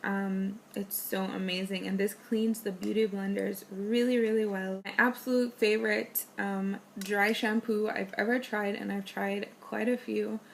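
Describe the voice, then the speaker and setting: Young female beauty vlogger, chatty and gushing, slightly hoarse, gravelly fry in her voice. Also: medium pitch, level tone, a little slow, hardly any pauses, slight background noise. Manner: chatty, gushing, many ums and likes. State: losing her voice. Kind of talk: casual product favorites chat.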